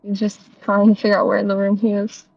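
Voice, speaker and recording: A woman with a husky voice playing a tabletop game, talking casually and bluntly. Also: medium pitch, monotone, quick pace, faint music behind. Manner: blunt, informal, swearing. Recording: slightly dull, lo-fi sound.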